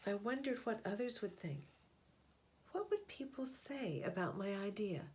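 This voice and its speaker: Reading a picture book aloud, a woman tells the story with careful, expressive phrasing and pauses, her voice at a medium pitch.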